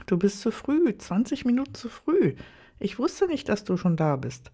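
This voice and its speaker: A woman voicing a tall young man, a warm but blunt best friend who speaks directly and earnestly in a read-aloud story. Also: fairly high pitch, sing-song, moderate pace, voice pushed up. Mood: explaining.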